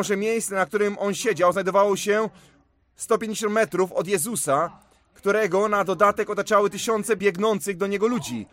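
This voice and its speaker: A man preaching a sermon, retelling stories with emphatic, storytelling delivery. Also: high-pitched.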